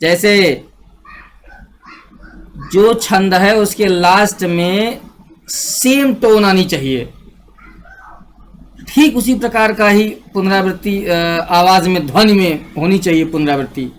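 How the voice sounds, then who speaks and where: A male grammar teacher delivers a classroom lecture in a voice that sits high, explaining slowly, repeating each rule and checking that his students are following. There is slight background noise.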